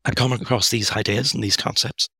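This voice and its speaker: A middle-aged guest author from Northern Ireland works through his ideas on a podcast interview, thoughtful and halting, often restarting sentences. His mid-range voice is very gravelly, a little husky, with a bright, forceful edge. The close, dry recording has no echo but sounds rough.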